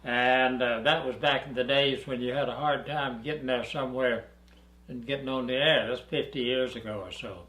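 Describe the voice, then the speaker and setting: An elderly man from Arkansas tells stories from his life at an easy pace, dry and wry, chuckling now and then. His voice sits at a middle pitch and carries a roomy echo in the room. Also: steady tone, bright, forceful tone. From Arkansas, USA. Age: 80s. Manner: dry, unhurried storytelling with chuckles. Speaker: interviewee. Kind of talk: reminiscing interview. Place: dark studio backdrop, indoors.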